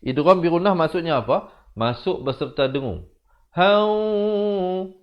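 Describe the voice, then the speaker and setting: A man with a Malaysian Malay accent teaching Quran recitation rules, moving between slow drawn-out demonstrations and quick explanations that trail off softly. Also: fairly high pitch, animated, highs cut off.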